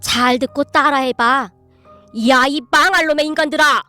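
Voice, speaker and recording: A woman voicing a stern old grandmother-in-law who drills her family in scolding, with slow, drawn-out commands. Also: sits high, fairly bright tone, no echo, faint music behind. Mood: commanding.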